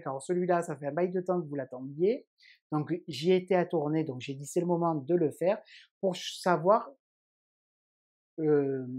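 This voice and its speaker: Male podcast host with a mellow voice, talking casually and loosely indoors at home. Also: a little high. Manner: chatty and rambling, with frequent hesitations. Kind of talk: casual chat.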